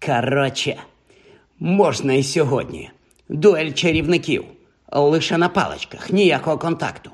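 A man's voice: a little high, lively intonation, a little slow, slightly rough. A man voicing an arrogant, mocking schoolboy bully. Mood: sneering. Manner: mocking, taunting. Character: sneering arrogant boy bully.

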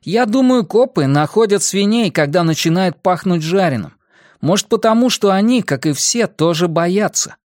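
A man voicing an excitable, cynical teenage boy in an audiobook, talking loudly. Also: high voice, moderate pace, no echo, clean studio sound, voice pushed up. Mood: excited. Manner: loud, animated.

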